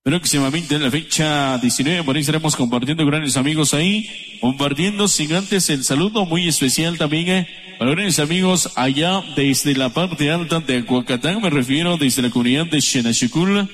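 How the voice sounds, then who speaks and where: A man from Guatemala hosting live radio and reading out listener greetings one after another in a brisk, repetitive way. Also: fairly high pitch, a bit bright. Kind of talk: live radio shout-outs. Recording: long hall reverb.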